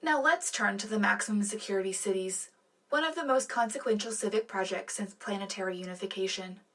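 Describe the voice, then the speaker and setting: Her medium-pitched voice is a bit bright and a little fast. Playing an earnest wartime radio co-anchor full of patriotism, she narrates a scripted newscast in a sincere, dramatic style.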